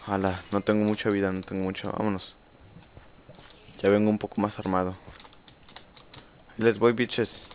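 A man's voice: lowish voice, level tone, moderate pace, long pauses, a little hiss or hum. A young man with a Mexican accent giving casual gameplay commentary, chatty and swearing freely as he talks to himself. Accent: Mexican Spanish. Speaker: gamer.

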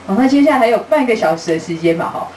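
A middle-aged woman, speaking as a travel author at a live book talk. She is a lively storyteller who acts out conversations and laughs often. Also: on the high side, very fast, faint music behind. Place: bookstore event room. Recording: roomy, distant, faint hiss.

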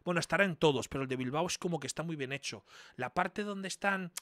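A man in his twenties chatting casually on a live stream, chatty and incredulous, with loud outbursts. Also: fairly high pitch, fast talker. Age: 20s.

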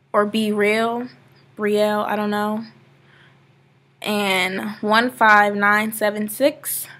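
Sitting on her living room sofa, an eighteen-year-old vlogger from Georgia, USA, rambles casually into her laptop webcam, framed close. Her voice is a little high and fairly bright, and her chatty talk is packed with "like" fillers.

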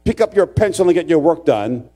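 A man's voice: on the high side, animated, brisk, in a large hall, pitched above the performer's own voice. A man preaching a sermon, voicing a stern male schoolteacher who orders a pupil back to work. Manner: loud, commanding.

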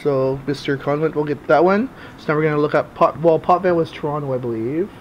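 Higher-voiced man casually hosting, noisy recording. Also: a little fast, dull audio. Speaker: host of sports card box breaks. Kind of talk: casual improvised running commentary on a hockey card break. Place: small indoor home office full of cards. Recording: noisy room, camera on desk.

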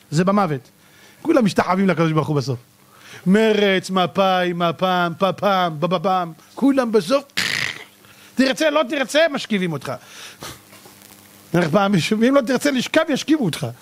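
A man, a rabbi, giving a theatrical sermon who acts out the people in his stories. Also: sits high. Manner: theatrical, acts out people with shouting and mocking voices. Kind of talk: animated Torah sermon.

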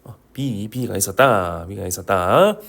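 A man's voice: fairly low pitch, unhurried, gravelly. A man with a Korean regional dialect teaching Vietnamese pronunciation in an online lesson, repeating each sound as a drill and joking along the way. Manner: lively, drills sounds by repeating them, jokes and apologizes.

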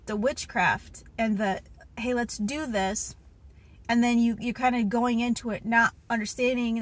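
In a parked car, a woman in her thirties speaks into a phone held out at arm's length with a slightly rough, mid-range voice. Her talk is casual testimony with Bible reading, as she earnestly recounts a spiritual dream, stumbling through frequent fillers and restarts.

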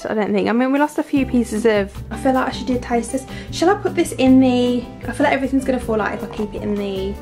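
A woman's voice: on the high side, quick pace, hardly any pauses, music in the background. A young British woman in her twenties chatting casually in a home vlog, bubbly and giggly, rambling as she goes. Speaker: vlogger. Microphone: handheld camera.

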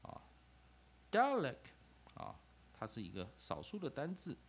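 A man's voice: mid-range voice, unhurried, gravelly, husky. A man with a Taiwanese Mandarin accent, giving a classroom-style English phonics lecture, who keeps tagging phrases with "ah" and "ha" and repeats key terms. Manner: lively, peppers phrases with 'ah' and 'ha', repeats terms. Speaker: English teacher.

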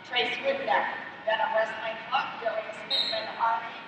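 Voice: medium pitch, little pitch movement. Announcer calling names over an echoey gym intercom. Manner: brisk, businesslike calls. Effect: over the intercom, public address loudspeaker. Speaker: tournament announcer. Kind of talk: calling wrestlers to mats. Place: large indoor gym at a wrestling tournament. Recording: echoey gym PA heard from far off, noise.

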